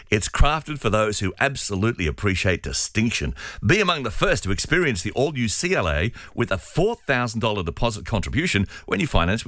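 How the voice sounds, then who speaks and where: A man reading a luxury advert as a scripted voice-over in a polished, measured way. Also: on the low side, fairly bright tone, no room sound, clean studio sound.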